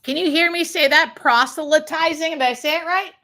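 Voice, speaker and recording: A woman's voice: extremely high pitch, quick pace, sharp tone. Female hospice nurse, live-stream host, informal conversational delivery with plain explanations. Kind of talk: casual live-stream chat answering viewer questions.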